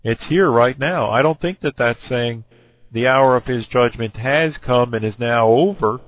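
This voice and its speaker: Halting man on a tinny phone line. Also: mid-range voice. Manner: halting, with many fillers and self-corrections. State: losing his voice. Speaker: Bible debater. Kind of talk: recorded argument addressed to another person.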